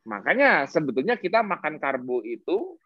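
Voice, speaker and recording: Animated guest explaining science, pitch all over the place, dry muffled audio, keeps asking the listener questions. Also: moderate pace, no echo. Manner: animated, rhetorical questions, mixes English terms. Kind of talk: casual explanatory podcast talk.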